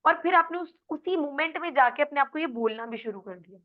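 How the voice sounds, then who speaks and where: A woman's voice: high-pitched, a little fast. A woman life coach in a coaching session, explaining and modeling how to talk yourself into sleep. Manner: coaching, repeating sleepy phrases in a soft drowsy tone. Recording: tinny phone-like sound.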